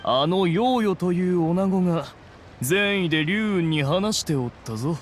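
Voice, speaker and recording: Dignified, higher-pitched ancient immortal. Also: male voice, lively intonation, moderate pace, slight background noise. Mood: composed, wry. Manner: old-fashioned, grandiose wording. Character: dignified ancient immortal adept in human guise, composed, imperious. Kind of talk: anime game voice acting. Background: faint music.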